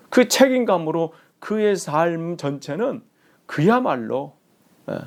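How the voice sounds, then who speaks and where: A pastor preaches a sermon, telling a story with mounting emphasis and sometimes falling to a whisper. His voice is fairly high with vocal fry. He narrates with animation, whispering the quoted lines.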